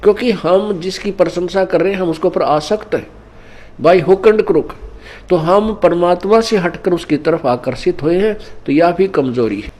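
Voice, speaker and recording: A man giving a sermon at an ashram, teaching through parables and couplets. His voice is warm and mellow and sits fairly high for a man. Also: a little slow. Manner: didactic, mixing in scripture couplets and parables. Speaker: spiritual teacher. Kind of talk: Hindi sermon. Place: ashram gathering.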